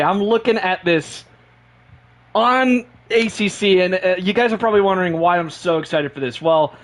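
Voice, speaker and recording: A man with a high voice streams a racing game live and talks with bubbling excitement. He rambles and says the same things twice, running on little sleep and plenty of caffeine. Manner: excitable, rambling, repeats himself.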